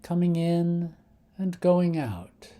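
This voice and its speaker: A man with a high voice leads a guided meditation calmly and without hurry, leaving long pauses between short phrases.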